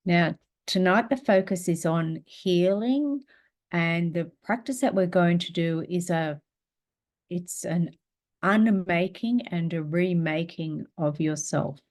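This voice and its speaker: A woman teaching a spiritual class, guiding a meditation in a slow, calm, gentle way and reading aloud. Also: fairly low pitch.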